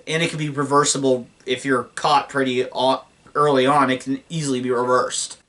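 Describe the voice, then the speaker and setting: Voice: medium pitch, a bit bright. A young adult movie reviewer ranting in disbelief and swearing often while talking through a film. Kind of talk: profane film review commentary.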